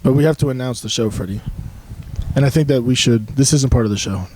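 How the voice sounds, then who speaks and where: A man's voice: medium pitch, fast, a little mellow, a little hiss or hum. A young man co-hosting a podcast in casual chat, joking and rambling, laughing often. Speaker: podcast co-host.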